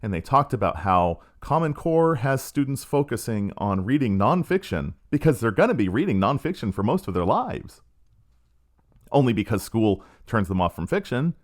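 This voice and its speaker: A middle-aged podcast host tells a story in a sardonic, casual monologue, acting out the quotes. His voice sits in the mid range with a sing-song lilt and a moderate pace.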